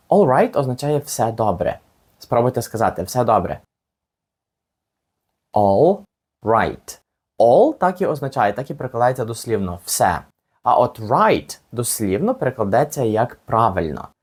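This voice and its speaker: Guy teaching a beginner lesson, patient, says every phrase slow and twice, voice goes up and down a lot. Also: mid-range voice, big pitch swings, darkish tone, husky. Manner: patient, repeats each phrase slowly for the learner. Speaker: language teacher. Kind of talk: step-by-step language lesson.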